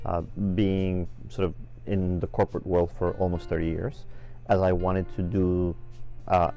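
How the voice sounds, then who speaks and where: A middle-aged man from Venezuela, a franchise business owner answering interview questions in a measured way, with many fillers and restarts. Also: low voice, flat delivery, mellow, soft background music.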